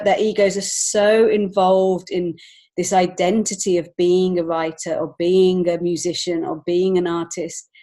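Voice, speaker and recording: On a podcast, a woman who writes and illustrates children's books talks in a voice on the low side and a little mellow. She comes across as earnest and reflective, chatting conversationally and groping her way through phrases.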